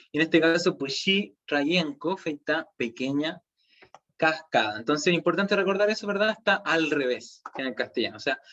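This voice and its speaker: A Chilean man teaches a language class over a video call, walking through each example patiently and often checking that students follow. His voice sits fairly high for a man. The sound comes through a computer mic as dull, muffled, lo-fi audio. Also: a bit bright. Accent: Chilean Spanish. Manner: explains step by step, checks in with "¿cierto?" and "¿ya?". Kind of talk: online class lecture.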